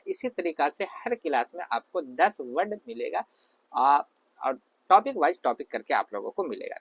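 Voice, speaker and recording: A man's voice: a little high, no room sound, highs cut off. A man teaching an online class. He explains patiently, repeats himself often and uses many fillers. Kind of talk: classroom lecture over slides.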